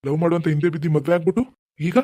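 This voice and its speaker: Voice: medium pitch, steady tone, very fast, dark tone, natural voice. A performer voicing a menacing, mocking ghost in a cartoon. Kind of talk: animated cartoon voice acting.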